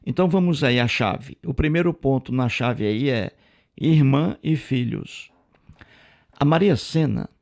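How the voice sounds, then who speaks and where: A man with a Brazilian Portuguese accent speaks close to the mic in a low, dark, gravelly voice. He lectures as if teaching a class, repeating points and stressing them hard. His delivery is didactic commentary aimed at viewers. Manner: repetitive, emphatic, lecturing, heavy use of fillers. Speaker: video commentator.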